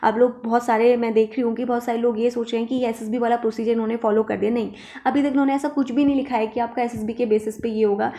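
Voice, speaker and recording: Woman teacher, fairly high pitch, emphatic coaching lesson, frequent check-ins with students. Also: fairly even intonation, fast talker, warm tone. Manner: repeats "ठीक है" and "देखो" to check in with students; reassuring, emphatic instruction. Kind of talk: explanatory online lesson.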